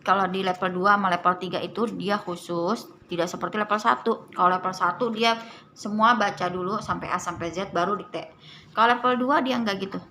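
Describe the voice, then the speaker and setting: A woman tutor patiently walking through a reading and writing workbook, explaining points slowly and repeating them. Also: medium pitch, pushed and bright, slight background noise. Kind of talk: casual tutorial walkthrough.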